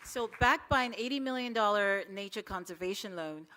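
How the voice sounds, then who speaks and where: A woman's voice: mid-range voice, expressive, fairly quick, heavy background noise. A woman presenting an awards ceremony, reading the category and nominees from a script. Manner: reads announcements steadily.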